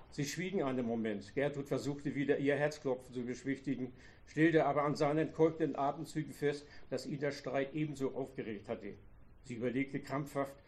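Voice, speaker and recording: A man reading a novel aloud in a calm, measured way. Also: mid-range voice.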